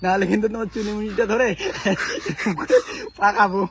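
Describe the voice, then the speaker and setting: A man's voice: sits high, little pitch movement, fairly quick, very noisy. A man playing a bickering husband in a comic sketch, wrapping sugary endearments around nasty insults. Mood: mock-sweet. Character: bickering husband, mock-sweet and spiteful.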